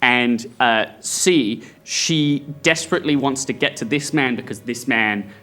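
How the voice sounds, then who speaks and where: A man's voice: mid-range voice, unhurried, pushed and bright. Rambling male game director. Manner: rambling, amused, descriptive. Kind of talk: narrating a tabletop role-playing game.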